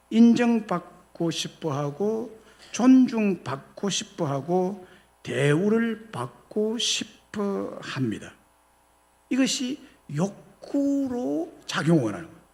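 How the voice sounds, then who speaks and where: Male pastor, sermon, lively rising and falling voice, slightly high. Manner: animated, with slow drawn-out emphasis.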